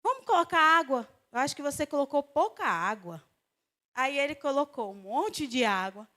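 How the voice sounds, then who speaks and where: A woman's voice: lively intonation, moderate pace. A woman from Brazil preaching a sermon, telling a personal story with emphatic swings in her voice. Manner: emphatic, storytelling, voice swings high and loud on exclamations. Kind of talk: sermon with testimony.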